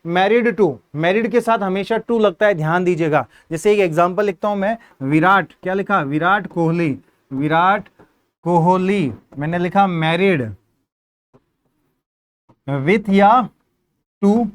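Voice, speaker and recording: A man's voice: high voice, clear, resonant tone. A male teacher, giving an exam-prep English grammar lesson, repeating points, quizzing students and spelling words out letter by letter.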